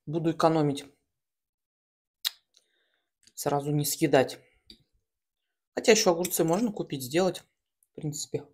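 A mukbang host with a low, slightly mellow voice chats casually while eating at a table in a small room at home. She talks between bites, chewing and smacking with pauses, using colloquial, slangy language.

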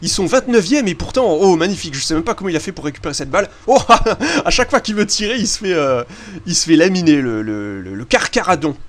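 Over a basketball video game, a young man from France delivers casual, excitable let's-play commentary as the host of a gaming video, his slightly high voice full of chatter, offhand swearing, and hesitant filler in the pauses.

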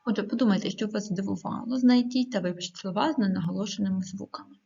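A woman teacher giving a video lesson to schoolchildren, dictating words slowly and clearly with the odd hesitant filler. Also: mid-range voice, dark tone. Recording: dull lo-fi recording.

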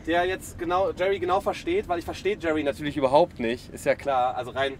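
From behind the wheel of a van driving through a city, a man hosts a livestream, joking casually and teasing his guests. His voice is on the high side with fairly even intonation and a quick pace, and road noise from the moving vehicle fills the recording.

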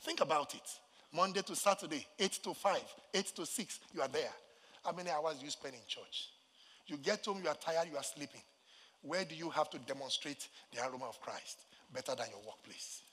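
A Nigerian pastor with a high, ringing voice delivers a dramatic sermon. He swings between hushed remarks and shouted, chanting phrases, and the long reverb of a big church hall trails every word. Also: a little fast, slight background noise. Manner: dramatic, swinging from quiet asides to shouted, sing-song preaching.

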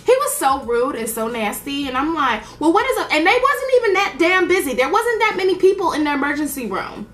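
While doing her makeup, a beauty vlogger tells a story in a casual chat, animated, blunt and profane, acting out what people said. Her voice sits high and moves fairly quickly with hardly any pauses, in a reverberant space with soft background music.

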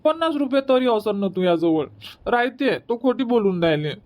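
Man voicing a whining cartoon boy, begging, raised high voice. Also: lively intonation, normal speed, a little mellow. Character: whiny pleading little village boy.

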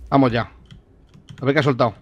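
A man's voice: medium pitch, fairly even intonation, a little fast, lo-fi sound. A man, playing a game with a friend and teasing him with crude, mock-gloomy banter. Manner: teasing, swears freely, dry mock-gloom. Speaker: gamer playing together online. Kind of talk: casual let's-play banter.

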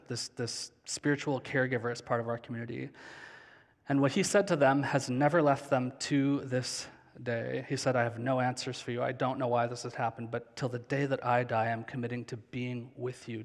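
A man in his thirties preaching a sermon on a large church stage with a headset mic, earnest and slowing down on key phrases. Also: mid-range voice. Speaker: pastor. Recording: long hall reverb.

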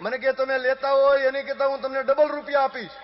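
A man's voice: very high voice, steady tone. A man from Gujarat, telling folk comedy stories and acting out the villagers and wife he quotes. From Gujarat, India. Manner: acts out quoted villagers and wife in quick dialogue. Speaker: stand-up comedian. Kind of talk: live folk comedy storytelling. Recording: dull live hall recording with long echo. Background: audience laughter.

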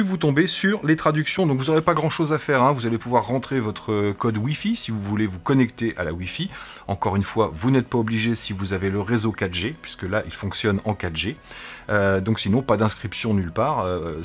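A middle-aged man from France walks viewers through a product in a casual, chatty review. His voice is husky and a little rough at the edges, and it sits at an ordinary pitch. He talks in a relaxed way and often pauses to hesitate. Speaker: tech reviewer.

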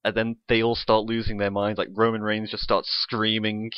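A man's voice: lowish voice, completely flat delivery, normal speed, clear, resonant tone, dry recording, muffled recording. A young man co-hosting a podcast, recapping a wrestling show play by play in casual chat and swearing freely. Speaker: podcast co-host.

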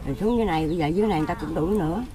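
Southern Vietnamese woman in her fifties, rapid. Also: on the low side, a crowd in the background. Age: 50s. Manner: plain-spoken, rambling and earnest. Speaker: interviewee, lottery ticket seller. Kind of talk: casual interview. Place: outdoors among graves.

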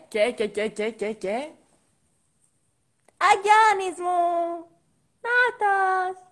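A woman's voice: mid-range voice, a bit bright. A woman hosting a casual live stream from indoors, teasing and coaxing viewers and guests on a phone mic. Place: indoors next to a heater.

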